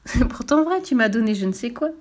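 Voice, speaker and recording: A woman voicing the simple-hearted young fool of a fairy tale, speaking high and eager. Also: expressive, fairly quick, close to an everyday voice. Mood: excited.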